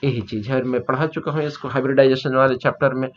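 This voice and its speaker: Man, chemistry teacher, lecture, reads slowly then explains, slightly muffled audio. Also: medium pitch, steady tone, slight background noise. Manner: explanatory, repeats "ठीक है" often to check understanding. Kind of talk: classroom lecture mixing Hindi and English.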